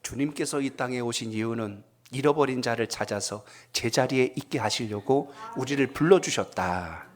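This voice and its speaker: A man's voice: mid-range voice, normal speed, hardly any pauses. A middle-aged man preaching a sermon as pastor, telling stories and putting questions to the congregation. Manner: storytelling, asking the congregation questions.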